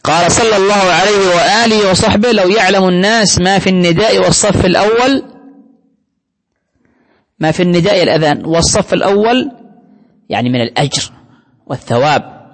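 A man with a notably high voice delivers a religious lesson, explaining each point patiently and quoting scripture as he goes. His voice carries a long reverb, as if he were speaking in a large hall. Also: brisk, pauses often. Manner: explanatory, teacherly, quotes scripture often. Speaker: religious teacher.

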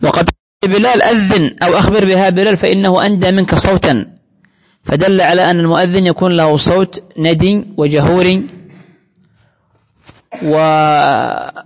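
A man with a notably high voice delivers a religious lesson, explaining each point patiently and quoting scripture as he goes. His voice carries a long reverb, as if he were speaking in a large hall. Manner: explanatory, teacherly, quotes scripture often. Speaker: religious teacher.

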